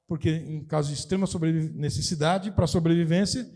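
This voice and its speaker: A middle-aged Brazilian pastor preaches in a notably high voice. He explains the text emphatically and comes back to key phrases again and again. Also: fairly even intonation, fairly quick, darkish tone. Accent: Brazilian Portuguese. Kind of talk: sermon.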